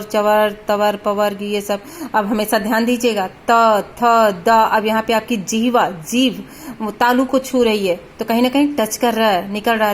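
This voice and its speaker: A woman teaching Hindi grammar, patiently explaining and sounding out letters slowly, sometimes mixing in English words. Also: on the high side, slight background noise. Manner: patient, repeats sounds slowly to demonstrate pronunciation. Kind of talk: explaining at a board.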